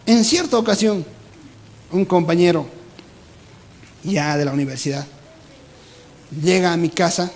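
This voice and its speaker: A man's voice: high-pitched, unhurried, long pauses, low-quality recording. A young adult man, a pastor with a Bolivian Spanish accent, preaching a sermon and acting out the voices in his stories.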